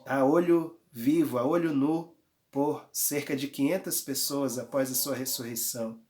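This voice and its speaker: A man's voice: medium pitch, fairly even intonation, a little mellow. A man preaching a sermon and leading prayer, stretching words out for emphasis and often calling out hallelujahs. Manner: fervent, drawn-out emphasis with frequent hallelujahs. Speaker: pastor.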